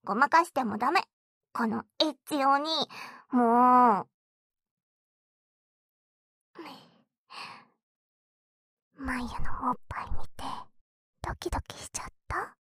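A mocking, coy young stepsister, played by a woman, in a whispered role-play. Her voice sits high, and she drawls her taunts slowly and playfully. The sound is close and dry, with no room around it. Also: a bit bright, dry recording. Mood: teasing. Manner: taunting, giggly, coaxing.

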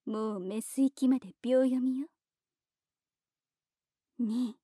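A high, mellow-toned mistress, voiced by a woman, who teases and gives orders in a slow, coaxing manner. She slips often into soft whispers in this ASMR roleplay. The sound is close and dry. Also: fairly even intonation, breathy edge, dry recording. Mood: teasing, commanding. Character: teasing dominant adult woman, commanding and condescending.

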